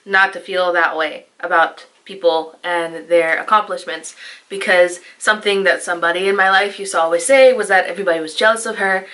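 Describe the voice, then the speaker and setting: Young woman, vlogger, casual chat, animated, laughs a lot, bright tone. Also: lowish voice, poor audio. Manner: chatty and animated, laughs often.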